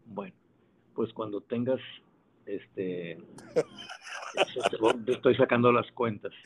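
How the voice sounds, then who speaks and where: A man in his seventies with a Mexican accent, a retired broadcaster answering interview questions in a measured, unhurried, modest way. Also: medium pitch, breathy edge. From Monterrey, Mexico. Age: 70s. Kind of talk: phone interview. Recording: tinny phone line.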